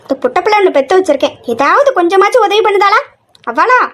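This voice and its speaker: Woman as a nagging middle-aged mother, high-pitched, constant scolding; comedy skit. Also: lively intonation, fast talker, fairly bright tone. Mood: grumbling. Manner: scolding, complaining nonstop.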